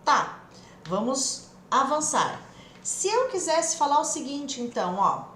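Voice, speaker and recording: A woman from Brazil who speaks Portuguese natively, teaching an English lesson live and lively, repeating phrases for practice. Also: high voice, takes it slowly, roomy sound, a little hiss or hum.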